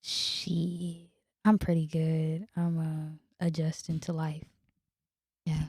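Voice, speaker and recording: Low, mellow-voiced laid-back woman. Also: completely flat delivery, takes it slowly, no room sound, studio quality. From Central Texas. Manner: laid-back, matter-of-fact. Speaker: guest artist. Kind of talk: casual conversation.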